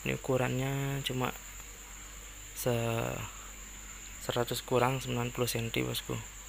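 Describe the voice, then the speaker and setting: A man casually showing his finished kite in a relaxed, slow vlog chat. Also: mid-range voice, vocal fry, noisy background. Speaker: kite maker. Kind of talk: casual vlog show-and-tell.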